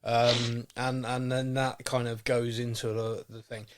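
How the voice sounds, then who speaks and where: A man's voice: mid-range voice, flat delivery, a little slow. A British man hosting a podcast in casual chat, with a rambling, wry, self-deprecating way of talking. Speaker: podcast host.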